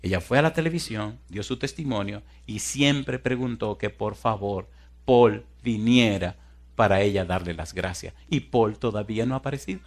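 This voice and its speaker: A man's voice: fairly low pitch, moderate pace. A man preaching a sermon, telling a story dramatically and pressing his listeners with fervent, emphatic questions.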